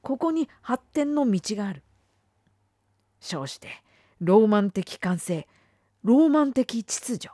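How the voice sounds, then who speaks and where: A woman reading a literary essay aloud, dramatic, swinging between firm declarations and hushed whispers. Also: a little high, very animated, slow, pauses often, dry recording, clean studio sound. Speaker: reader.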